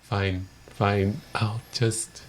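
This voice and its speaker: A man's voice: fairly low pitch, little pitch movement, extremely slow. A man playing in a tabletop role-play, bantering and laughing often. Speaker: player.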